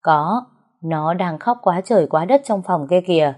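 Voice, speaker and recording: A stern aging father, as a woman storyteller puts him on. He scolds and lectures in a firm, unhurried way, low and mellow in tone. It is a spoken audio story. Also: lively intonation. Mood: reproachful. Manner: firm, scolding, slow and measured.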